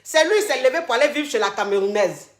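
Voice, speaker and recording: A high-pitched woman talks a caller through her troubles, teasing and dramatic, looping the same phrases again and again. Her voice rings in a noticeably echoey room. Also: animated, fast talker. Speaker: host coaching callers. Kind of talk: casual advice call. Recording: roomy echo.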